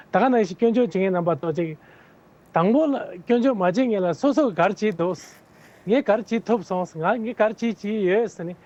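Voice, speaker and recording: Brief: male candidate, high-pitched, earnest and explanatory, dull lo-fi sound. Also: a little mellow. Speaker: political candidate interviewed as guest. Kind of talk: answering interview questions at length.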